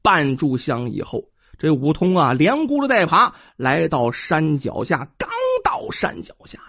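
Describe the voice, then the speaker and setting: A dramatic storyteller spins a folk tale with a lively, swooping delivery and spoken sound effects. The voice is husky, and the recording is dull and lo-fi. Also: medium pitch, a little slow. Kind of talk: traditional oral storytelling.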